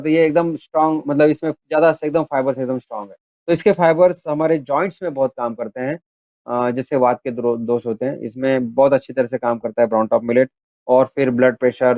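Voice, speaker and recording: A health educator with a mid-range voice gives a talk on millets, explaining step by step and listing items with frequent hesitations. The recording is dry, with a narrow, phone-like sound.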